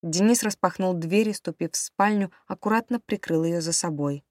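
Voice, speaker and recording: A woman reading a novel aloud in the first person, as a steady audiobook narrator. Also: lowish voice, moderate pace, dry recording, studio quality.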